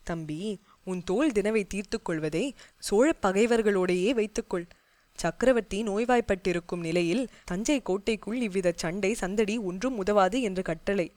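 A woman's voice: mid-range voice, normal speed, darkish tone, no room sound, lightly acted. A woman voicing an older male fort commander who gives orders and scolds his guards. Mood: calm.

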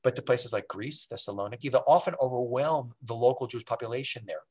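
A man with an ordinary mid-range voice, speaking as a rabbi on an interview show. He explains history in an easygoing, rambling way, restarting his sentences and filling pauses. He drifts into side stories before coming back to the point. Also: medium pitch, darkish tone, slightly rough. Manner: digressive, with frequent fillers and restarts.

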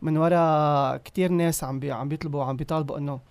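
A man's voice: fairly high pitch, fairly even intonation, rapid-fire, darkish tone, clean tone, dry recording. A man with a Lebanese Arabic accent asking casual questions as an interviewer.

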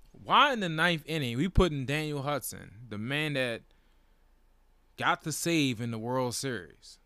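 A young man recapping games in a loose, casual fan rant, swinging between letdown and excitement. His voice is smooth and clear, with a middle pitch. The sound is dry and close, with no room around it. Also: dry recording.

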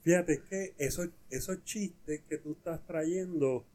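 A man's voice: a little high, measured pace, warm tone. A man co-hosting a podcast, telling jokes in casual chat and slipping in English words. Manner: playful, mixes in English words. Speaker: podcast co-host.

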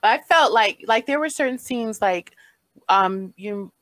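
A woman's voice: fairly high pitch, lively intonation, measured pace, fairly bright tone, no room sound. A woman co-hosting a podcast, chatting casually about a movie, laughing often and using lots of fillers. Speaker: podcast co-host. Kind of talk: casual movie discussion chat.

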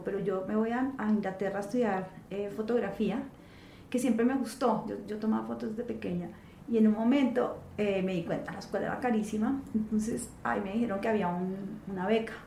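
A woman with a fairly high voice tells personal stories with lots of animation, slipping into quoted voices now and then. The room is echoey, with a faint hiss of background noise underneath. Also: dark tone. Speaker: interview guest. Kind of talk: casual conversational interview.

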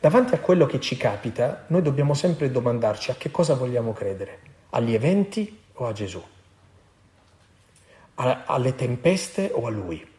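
A man giving an earnest sermon, reading from the Gospel and explaining it with emphatic pauses. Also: medium pitch, expressive, mellow. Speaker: preacher.

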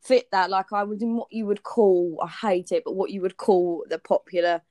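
A woman's voice: mid-range voice, steady tone, normal speed, dark tone, no room sound, clean studio sound. A young woman, co-hosting a podcast in casual, candid chat full of "like". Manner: chatty, fillers like "like", candid. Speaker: podcast co-host.

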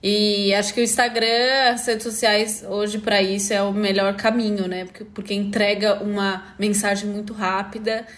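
A woman's voice: medium pitch, level tone, normal speed, few pauses, a bit bright. A woman hosting a podcast, talking in an earnest, reflective way with many fillers. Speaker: podcast host. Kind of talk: casual podcast conversation.

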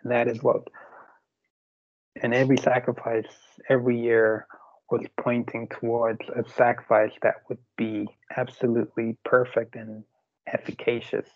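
A man with an Irish accent, a podcast guest speaking haltingly with many fillers in a casual theological discussion over an internet call. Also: medium pitch, flat delivery, dry recording. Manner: halting, frequent fillers and restarts. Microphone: video call. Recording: tinny internet call line.

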